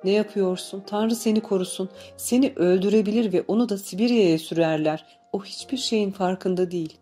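A woman's voice: mid-range voice, a little fast, dark tone, soft background music, natural voice. A woman voicing a frightened, tender old grandmother who pleads, in an audiobook reading. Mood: urgent.

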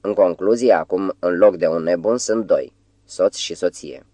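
A man reading a weary writer in an audiobook, deep in voice and ironic in manner. He sounds exasperated and close to the mic. There is no room echo. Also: mellow, lightly acted.

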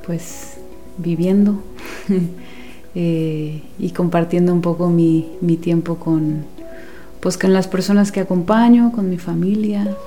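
A woman in her forties from Guatemala, a guest speaking softly in an interview and searching for words with many pauses and restarts. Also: fairly low pitch, fairly even intonation, faint music behind. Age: 40s. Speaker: guest, women's companion and former teacher. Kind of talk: unhurried interview talk.

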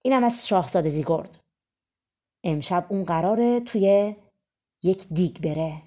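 An urgent, protective queen stepmother, voiced by a woman reading a storybook aloud. The voice sits low and mellow, close to the reader's own. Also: animated, lightly acted.

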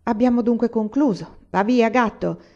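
A woman's voice: a little high, moderate pace, a little mellow, pitched above the performer's own voice, lightly acted. A woman reading the lines of a fussy, kindly old village woman in an audiobook, in an exclaiming way, on a dull lo-fi recording. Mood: insistent. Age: older.

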